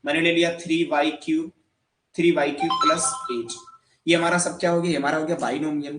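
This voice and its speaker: A man's voice: a little high, fairly bright tone, echoey room, a little hiss or hum. A man giving a math lecture in Hindi, asking his students questions and answering them himself. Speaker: math teacher. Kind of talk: classroom lecture.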